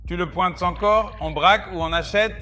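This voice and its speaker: A father playing a horror game with his son, tossing out wry, deadpan remarks. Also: high voice, moderate pace. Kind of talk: playful gaming banter.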